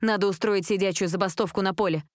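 A woman reading an audiobook voices a teenage boy who leads the football team, shouting and rallying the crowd. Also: medium pitch, steady tone, fast, no echo, studio quality, lightly acted. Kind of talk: audiobook character voice.

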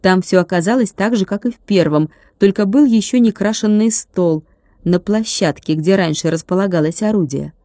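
A woman narrates an audiobook with an expressive, storytelling style. Her voice sits in the mid range and moves at a normal speed, captured in a dry, clean studio recording.

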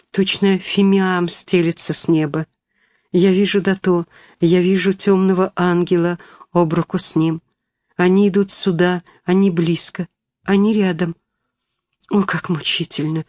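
A woman voicing a frail, dying young boy who speaks softly and weakly. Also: on the low side, little pitch movement, unhurried, no room sound, clean studio sound, close to an everyday voice. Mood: fading, tender. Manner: soft, weak, hushed speech.

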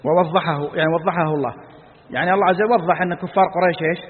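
A man's voice: fairly high pitch, steady tone, racing. A man giving a religious lesson, commenting fervently and firing rhetorical questions at his listeners. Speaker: sheikh explaining a text. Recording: lo-fi phone-like lecture recording with long hall reverb.

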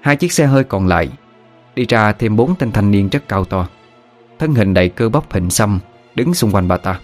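A man reads a story aloud in a steady, even narrator's voice. His pitch sits on the low side, and faint music plays quietly under the reading. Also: normal speed. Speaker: audiobook narrator. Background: soft background music.

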